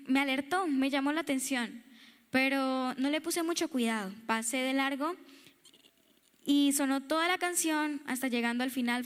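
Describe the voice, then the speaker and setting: High-voiced young woman preaching in a hall. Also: fairly bright tone. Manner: testimonial, repetitive emphatic preaching. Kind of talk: sermon.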